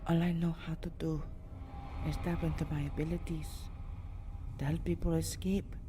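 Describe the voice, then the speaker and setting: A woman plays a proud, fiercely protective, distraught two-hundred-year-old vampire girl in an ASMR roleplay monologue, acting melodramatically and theatrically. Her natural voice is low and flat at a moderate pace, with background noise, and she sounds helpless and uncertain. She often sinks into breathy whispers, then rises into agitated outbursts.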